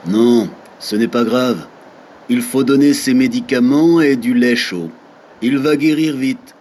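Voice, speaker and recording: A man reading the lines of a calm adult doctor treating a sick dog, in a plain, slow textbook manner. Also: medium pitch, slight background noise, natural voice. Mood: reassuring.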